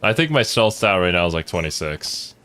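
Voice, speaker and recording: A man's voice: low-pitched, very animated, fairly quick, bright, forceful tone, clear, resonant tone. A young man giving casual, amused game commentary, musing aloud as he plays. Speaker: let's player.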